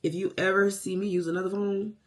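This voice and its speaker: Speaking briskly in a level, medium-pitched tone, a beauty vlogger breezes through a home hair tutorial with playful, sassy, self-promoting slang. Clicks and background noise come through noticeably.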